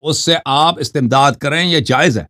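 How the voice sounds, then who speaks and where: A man's voice: on the high side, pushed and bright, dry recording, studio quality. A man hosting a heated religious debate, pressing his opponent with repeated, insistent questions. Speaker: debate host.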